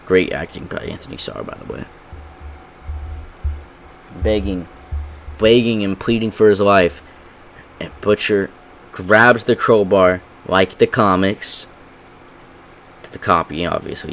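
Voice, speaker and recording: Young man, deep voice, slangy, excited recap, faint background noise. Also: measured pace, gravelly, pauses often, low-quality recording. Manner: slangy and excited, with sound effects. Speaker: TV reviewer. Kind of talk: casual episode recap.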